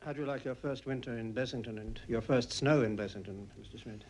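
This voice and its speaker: Male roving reporter, mid-pitch, casual questions. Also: fast, a little mellow, slight background noise. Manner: chatty, prompting with short questions. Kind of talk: casual field interviews.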